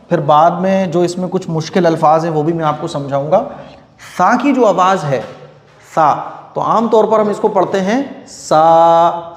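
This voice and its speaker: A middle-aged man gives a patient step-by-step lesson, drawing out each letter sound and repeating it. His voice sits a little high for a man. The recording is roomy, with a long reverb tail. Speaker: Quran reading teacher. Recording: echoey room with long reverb.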